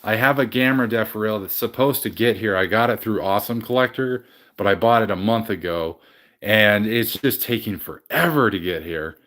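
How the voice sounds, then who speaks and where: Male stream host, lower voice, loose rambling chat with restarts. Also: moderate pace, a bit bright. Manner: rambling, self-correcting. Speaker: livestream host. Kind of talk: casual chat with live viewers. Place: home game room.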